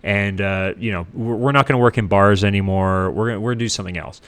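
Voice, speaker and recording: Middle-aged canadian guy telling his story, lowish voice, lively, acts out what people said. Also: fast, smooth. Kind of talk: casual storytelling.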